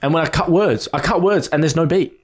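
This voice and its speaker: A man's voice: on the high side, fairly quick. Teasing, swearing man in casual banter. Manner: teasing, swears, self-mocking. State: sleep deprived.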